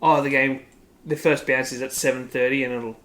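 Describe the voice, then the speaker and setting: A man's voice: mid-range voice, steady tone, brisk, fairly bright tone, a little hiss or hum. Australian guy, mid-range voice, loose rambling sports-podcast banter with lots of laughs. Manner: rambling, laughs often, heavy use of "like". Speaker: podcast co-host. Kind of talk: casual sports chat.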